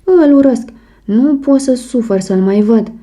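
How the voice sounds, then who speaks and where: A woman's voice: dark tone, close to an everyday voice. A woman narrator voicing a distraught, jealous wife who wails and pleads tearfully. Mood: hysterical pleading. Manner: wailing, pleading, shrill. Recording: muffled audiobook recording.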